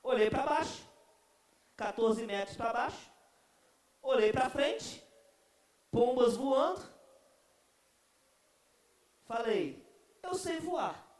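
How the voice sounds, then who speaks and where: A young man preaching to a youth group, telling a story in an animated, comic way. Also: very high voice, slow pace, long pauses. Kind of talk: storytelling sermon. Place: church. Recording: echoey church hall.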